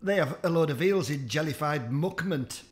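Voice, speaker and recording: A man, his voice sitting a touch higher than most men's, hosts a comedic food-tasting vlog. He swears freely, groans and complains with theatrical disgust, and plays up every bite for laughs. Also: animated, moderate pace. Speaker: food challenge host.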